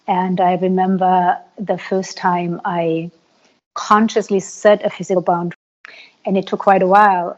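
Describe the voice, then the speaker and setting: A woman hosting a conversation, candidly telling a personal story in a reflective way and laughing softly as she talks. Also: fairly low pitch, highs cut off. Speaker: host.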